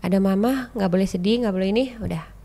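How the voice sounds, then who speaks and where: A woman, a podcast guest telling a personal story in a chatty, animated way and acting out the people she quotes. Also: fast, gravelly. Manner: animated, acts out quoted people with sharp jumps in pitch and loudness; chatty, keeps addressing the host as "Mas". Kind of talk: casual storytelling chat.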